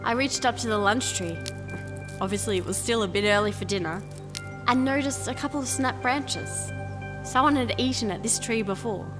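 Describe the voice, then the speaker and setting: In an audio drama, a young woman with a fairly high voice plays a plucky, flippant princess, serving as lead actor and narrator at normal speed with light acting. Her first-person narration and dialogue come across chatty, wry and informal, with music running beneath her voice.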